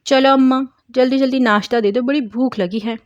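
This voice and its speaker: A woman's voice: sits high, steady tone, a little fast, no echo, highs cut off, voice pushed up, lightly acted. A woman voicing a joking young man. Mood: teasing. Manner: teasing, then frantic shouting. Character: young man, joking, protective brother figure.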